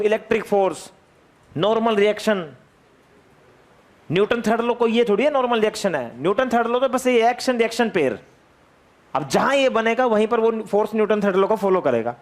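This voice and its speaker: A man with a high-pitched voice teaches physics in a classroom. He repeats each key point several times and keeps firing questions at his students. He calls on them by name to make them answer. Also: lively intonation, brisk. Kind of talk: energetic classroom lecture.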